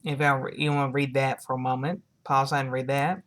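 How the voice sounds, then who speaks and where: A woman giving a casual product review to her viewers, talking in a halting way and often rephrasing herself. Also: rumbling low, flat delivery.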